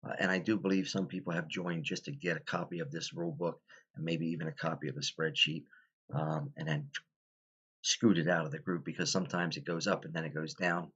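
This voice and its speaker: A man's voice: very deep voice, steady tone, fairly quick, a bit bright, breathy edge, muffled recording. A tired man hosting a casual tabletop game tutorial, rambling with many ums and restarts. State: tired, stifling yawns.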